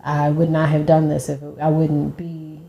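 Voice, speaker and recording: Low-voiced woman speaking candidly, roomy sound. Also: monotone, moderate pace, gravelly, warm tone, highs cut off, a little hiss or hum. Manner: open, earnest, often quoting others. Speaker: podcast guest. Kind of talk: candid conversation. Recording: roomy echoey room.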